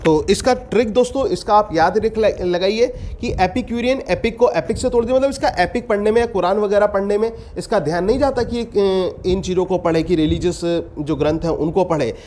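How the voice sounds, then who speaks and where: A man with a high, bright-pitched voice works through a vocabulary lesson. He reads each definition slowly and deliberately, then quizzes his listeners by repeating the answer. A faint background noise sits under the recording. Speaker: English teacher. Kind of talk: exam-prep vocabulary lecture.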